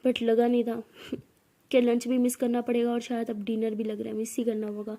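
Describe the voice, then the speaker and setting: A woman's voice: a little high, monotone, fairly quick, dark tone, lightly acted. A woman voicing a teenage schoolgirl who is stubborn and teases back cheekily. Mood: teasing. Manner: cheeky, playful back-talk.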